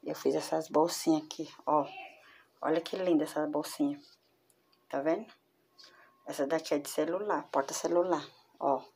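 Low-voiced chatty woman showing crafts. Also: fairly even intonation, normal speed, long pauses, a little mellow, slight background noise. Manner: chatty, addresses viewers as girls. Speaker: crochet vlogger. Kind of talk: casual show-and-tell. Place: home room with door closed.

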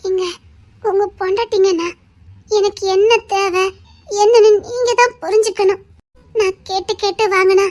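A woman with a Tirunelveli accent playing a gentle young wife who speaks hesitantly, stumbling over her words, in a family drama. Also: very high voice. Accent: Tirunelveli Tamil.

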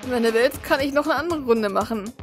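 A woman voicing a greedy, laid-back male student fortune teller in a video game, reading his lines loudly with a pushy salesman patter. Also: on the high side, a little fast, faint music behind, natural voice. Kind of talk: dubbed reading of game dialogue.

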